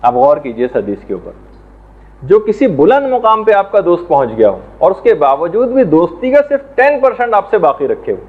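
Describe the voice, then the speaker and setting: Tinny-sounding male religious teacher. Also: on the high side. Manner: measured, explanatory, quotes Arabic prayers. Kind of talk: academic religious lesson.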